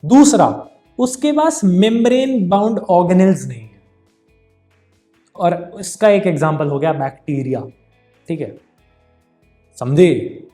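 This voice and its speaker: A man's voice: sits high, lively intonation, slow, long pauses, warm tone, faint music behind. A man teaching a casual Hindi-English science lesson. He jokes, teases and calls the viewer brother. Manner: playful mispronunciations and asides. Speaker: online tutor.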